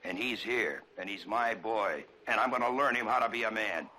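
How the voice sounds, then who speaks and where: An actor playing a stubborn, rough frontier father with gruff, rustic speech in a 1960s TV western. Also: fairly low pitch, moderate pace, pushed and bright, slight background noise, poor audio. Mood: bitter.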